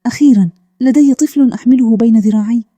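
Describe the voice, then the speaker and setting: A woman's voice: fairly high pitch, fast talker, warm tone, dry recording, lightly acted. A woman voicing a childless village wife who speaks emotionally and emphatically in a bedtime story. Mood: emphatic.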